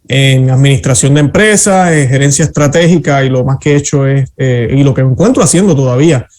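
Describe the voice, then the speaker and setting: A man's voice: medium pitch, brisk, a little mellow. A middle-aged man with a Puerto Rican accent, earnestly telling his faith testimony as an interview guest, with frequent hesitant fillers. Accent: Puerto Rican Spanish. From Puerto Rico.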